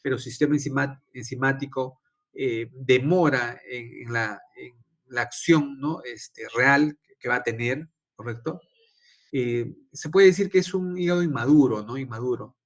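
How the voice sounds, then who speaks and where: A young adult man lectures a physiology class in an easygoing, conversational way. He keeps quizzing his students and tags many phrases with a questioning "¿no?". His voice sits at an ordinary, middle pitch for a man. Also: unhurried. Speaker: physiology lecturer and intensive care doctor. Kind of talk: informal lecture with personal anecdote.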